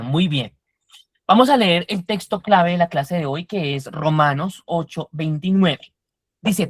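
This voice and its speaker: Low-voiced woman teaching a Bible class. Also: dry recording, studio quality. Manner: quizzes the class and explains Greek words step by step.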